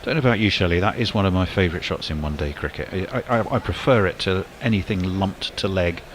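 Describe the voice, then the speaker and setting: In live cricket commentary, a man with a low-pitched, animated voice calls the action ball by ball. His delivery is brisk, jumping up suddenly on big shots. A little hiss or hum runs beneath him.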